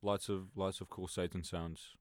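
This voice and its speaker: A man's voice: sits low, level tone, moderate pace, no room sound, clean studio sound. A young man from Bosnia, co-hosting a casual student podcast in a joking, laid-back way. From Sarajevo, Bosnia and Herzegovina. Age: young adult. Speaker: podcast co-host.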